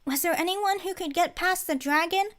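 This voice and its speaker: A woman voicing excited young children listening to a story in a dramatic fiction reading. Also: extremely high pitch, moderate pace, pitched above the performer's own voice. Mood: eager, excited.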